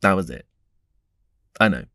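Young guy doing a snarky film review voice-over, lowish voice, faint music under it. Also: expressive, a little slow, gravelly. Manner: sardonic, punning. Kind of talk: scripted video-essay narration.

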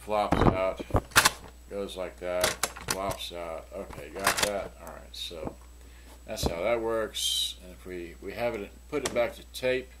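In a small, cluttered indoor workshop, an older man selling used electronics rambles through an offhand demonstration, speaking slowly in a low voice. The room is clearly noisy, with clicks from switches he's handling.

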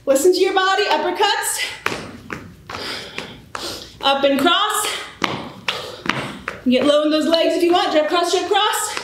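A woman's voice: very high-pitched, a little slow, pauses often. A middle-aged woman working as an aerobics instructor, energetically calling out moves and counts with encouragement as she exercises. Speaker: fitness instructor. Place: large indoor exercise studio with wooden floor. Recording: very echoey studio, clear background noise.

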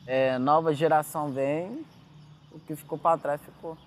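A young Brazilian man who dances on party trains, talking in a relaxed, chatty interview and laughing easily. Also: on the high side, unhurried, a little hiss or hum. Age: young adult. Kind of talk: casual interview.

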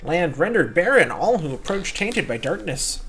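A man's voice: a little high, sing-song, moderate pace, fairly bright tone, poor audio. A man voicing a mysterious female fortune teller from a video game, reading her cryptic lines in a theatrical, portentous way. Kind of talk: dramatic read-aloud of game dialogue.

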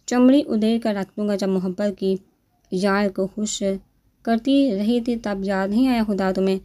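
A woman's voice: medium pitch, steady tone, dark tone, close to an everyday voice. A woman reading the lines of a cruel young man in a novel, menacing and mocking.

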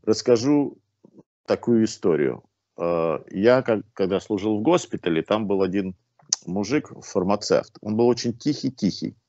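Using a wired earphone mic in his living room, a man in his sixties chats on a video call, telling anecdotes with restarts and fillers. His lowish, darkish voice is animated and moderately paced, and the recording sounds dull, dry, and lo-fi.

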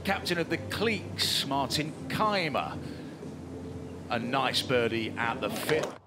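A man's voice: medium pitch, animated, slow pace. A man giving live golf commentary as a broadcast commentator. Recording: loud outdoor crowd and course noise.

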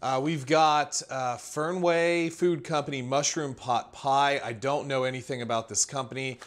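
A man's voice: mid-range voice, steady tone, measured pace. A man hosting his own channel, chatting casually through a table of camping meals with plenty of fillers and restarts. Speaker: food reviewer, channel host. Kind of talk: casual product walkthrough. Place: indoors at a table.

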